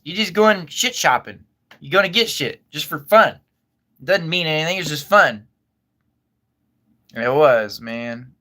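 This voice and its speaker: A man's voice: fairly high pitch, bright, forceful tone. A man hosting a livestream, chatting casually and rambling through viewer comments while he eats. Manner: rambling, laid-back, chuckles and trails off. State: eating while talking. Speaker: livestream host.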